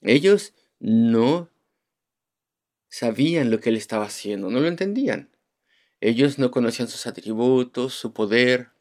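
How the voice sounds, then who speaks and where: A man's voice: medium pitch, animated, measured pace. Man preaching a verse-by-verse sermon. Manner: teaching, repeats key phrases for emphasis; poses rhetorical questions to the congregation. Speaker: pastor. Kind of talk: expository sermon.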